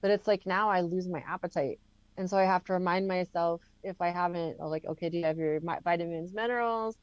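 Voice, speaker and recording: A chatty woman with a lowish voice talks frankly, with lots of fillers. Her audio is dry and a little dull, like a lo-fi call line. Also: fairly even intonation, a little fast, no echo. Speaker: guest. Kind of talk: casual chat.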